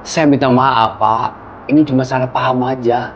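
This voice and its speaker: A man's voice: mid-range voice, fairly even intonation, normal speed, dull audio, slight background noise, close to an everyday voice. A young man playing a son-in-law who apologizes and pleads with his angry father-in-law in a film. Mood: pleading. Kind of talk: low-budget film acting.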